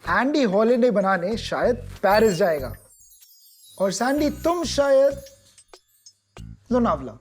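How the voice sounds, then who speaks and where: A woman as a patient financial advisor in an animated explainer ad, walking through figures slowly and deliberately in mixed Hindi and English. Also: a little high, breathy edge, exaggerated voice. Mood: explaining. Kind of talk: explainer ad dialogue. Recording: light music behind.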